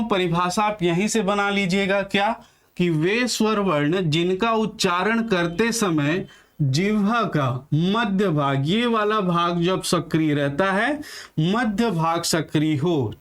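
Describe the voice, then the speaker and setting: Male teacher, higher voice, drawn-out delivery, quizzes the class and answers himself. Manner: slow, repeats key terms, asks and answers own questions; dictates slowly while writing on a board. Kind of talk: classroom grammar lesson.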